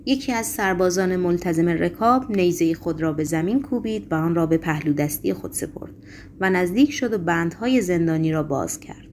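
A woman reading a literary novel aloud in a measured, even narration. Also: lowish voice, slight background noise. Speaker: audiobook narrator.

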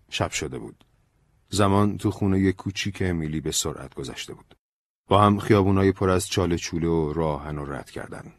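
A man narrating an audiobook in a calm, measured storytelling manner. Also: low voice, dry recording.

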